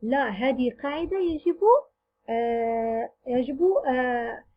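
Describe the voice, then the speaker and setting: A woman teacher giving a grammar lesson, explaining each point slowly and deliberately, repeating it in two languages with frequent drawn-out "aah" fillers. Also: a little high, muffled recording, a little hiss or hum. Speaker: English teacher.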